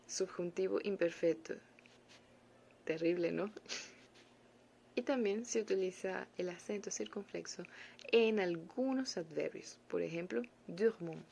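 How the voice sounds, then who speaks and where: A woman giving a casual online French lesson, explaining slowly and patiently with playful asides. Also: fairly low pitch, vocal fry, a little mellow, a little hiss or hum. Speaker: French teacher.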